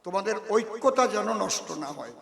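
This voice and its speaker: A man's voice: sits high, animated, moderate pace, creaky, echoey room, in a large hall. A man with a giving a combative, defiant folk-song discourse on stage, breaking into sung lines and chanted calls. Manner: combative, defiant, challenges scholars. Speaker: kabigaan folk singer and preacher. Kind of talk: stage kabigaan discourse, preaching to a crowd.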